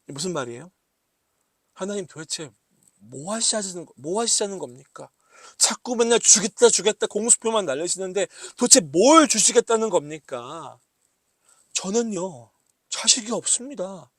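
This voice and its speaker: A man's voice: high-pitched, expressive, normal speed, dry recording. A male pastor preaching a sermon, asking the congregation questions and acting out prayers. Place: church sanctuary.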